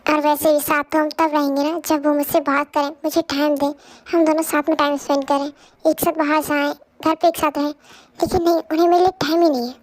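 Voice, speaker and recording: A woman's voice: high-pitched, flat delivery, fairly quick, close to an everyday voice. A woman voicing a young wife who pleads and talks emotionally, in a fan audio drama dub. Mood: sad. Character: young wife, tearful and longing.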